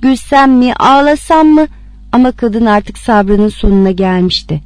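A woman reading a story aloud with expressive narration. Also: on the high side, a little slow, no room sound. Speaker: reader.

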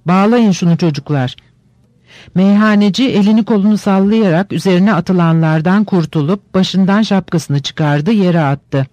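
A man reading a novel aloud in steady, measured scripted narration. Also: high-pitched, no room sound, dull audio.

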